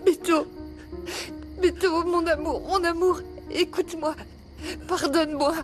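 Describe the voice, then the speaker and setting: A woman's voice: very high-pitched, fairly even intonation, measured pace, faint music behind. An actress in a dubbed telenovela playing a distraught woman who pleads tearfully over her dying lover. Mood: anguished. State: crying.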